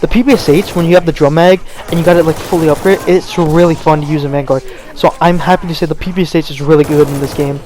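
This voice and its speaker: Cold and stuttering, the young host rattles off an unscripted gaming commentary rant, often restarting mid-thought. He speaks fast with few pauses and fairly even intonation, his slightly high voice leaning darkish. Faint hiss or hum is audible.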